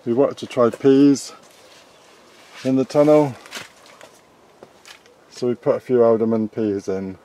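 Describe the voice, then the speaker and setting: A middle-aged man with a British accent strolls through his polytunnel and chats about what is growing there. He talks slowly and stays relaxed, in a mellow, darker tone. The camera he films with as he walks picks up his voice. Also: mid-range voice. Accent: British English. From England. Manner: relaxed, chatty, unhurried. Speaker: allotment gardening vlogger. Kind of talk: casual garden tour narration. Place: inside a polytunnel on an allotment. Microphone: handheld camera filming as he walks.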